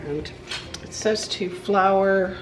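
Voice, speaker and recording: A woman with a mid-range voice talks very slowly while baking at home for a casual, chatty cooking vlog. She's nasal from a cold and rambles through many ums and restarts. Her camera stands on the counter, and the recording is very noisy.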